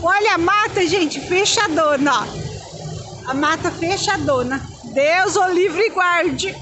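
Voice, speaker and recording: A woman's voice: extremely high pitch, slow pace, background noise. A woman vlogging casually from a phone on an open cable car outdoors, chatty, nervous and exclaiming. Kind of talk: casual vlog narration. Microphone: handheld phone.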